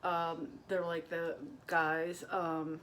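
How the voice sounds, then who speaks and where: A woman's voice: fairly low pitch, very slow, slight background noise. A woman stand-up comedian telling a story to her propped-up camera at home, casual and profane, acting out the voices of the people in it. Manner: profane, animated storytelling with acted-out quotes. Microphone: camera propped on boxes and books.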